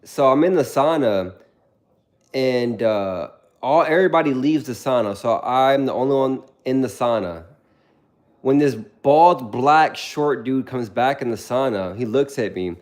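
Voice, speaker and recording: A man's voice: medium pitch, measured pace. A young man chatting casually on a livestream, telling stories with animation and reading viewers' comments aloud. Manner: animated storytelling, reads chat aloud.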